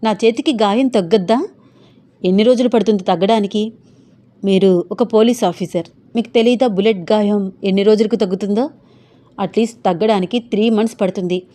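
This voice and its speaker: A woman voicing a caring, playful young fiancée who gently scolds and teases in a storybook reading. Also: medium pitch, natural voice.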